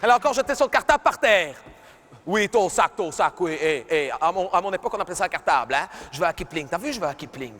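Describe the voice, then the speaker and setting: A man's voice: high voice, expressive, fast, fairly bright tone, a little hiss or hum. A man voicing a nagging middle-aged mother who scolds her daughter in a live stand-up sketch, fussing and repeating herself. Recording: reverberant live arena recording.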